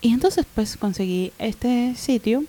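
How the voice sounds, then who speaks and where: Woman, fairly high voice, animated storytelling, acts out voices. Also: measured pace. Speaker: guest. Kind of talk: emotional storytelling.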